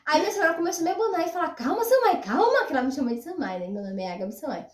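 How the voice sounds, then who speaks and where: A young woman vlogger telling a personal story to her viewers in a casual, animated way, repeating words for emphasis. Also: sits high, racing. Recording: roomy echo, mic at a distance.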